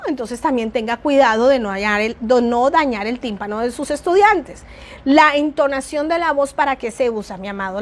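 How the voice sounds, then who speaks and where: A middle-aged woman with a naturally soft voice, teaching an online church class and shifting her tone and volume for emphasis. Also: sits high. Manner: varies tone and volume for emphasis, addresses listener as "mi amado".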